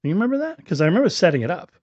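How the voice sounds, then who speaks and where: A man co-hosting a casual podcast, joking and rambling with restarts, a little hoarse. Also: sits high, big pitch swings, racing, a little mellow, no room sound, highs cut off. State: clearing throat, losing his voice. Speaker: podcast co-host. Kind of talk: casual chat.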